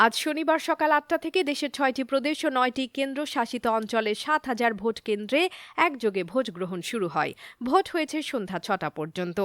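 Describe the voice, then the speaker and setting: A woman presenting the evening news in a steady, formal newsreader delivery with a Bangladeshi Bengali accent. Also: on the high side, no room sound, studio quality. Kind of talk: scripted news reading.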